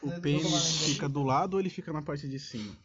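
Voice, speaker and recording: A man, excitable and laughing, in a casual group chat. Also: fairly high pitch, brisk. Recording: muffled, with loud group chatter.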